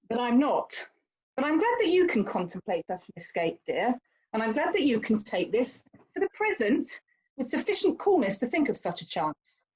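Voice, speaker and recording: This dull, slightly lo-fi clip has a woman acting as a haughty young lady in a period stage drama. She lectures like a condescending, worldly older sister, stressing points theatrically, her fairly high voice swooping with a darkish tone.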